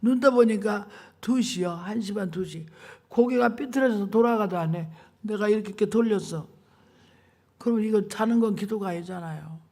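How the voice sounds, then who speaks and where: A woman's voice: medium pitch, moderate pace, a little mellow. An older woman preacher giving an emotional sermon testimony in a dramatic, colloquial, emphatic way. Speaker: revival preacher.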